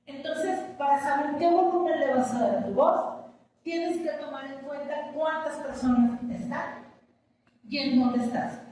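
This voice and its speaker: A woman's voice: high-pitched, measured pace, darkish tone. A woman teacher giving a patient classroom lecture, explaining with everyday examples and questions to her students. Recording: echoey classroom from a distant mic with faint ambience.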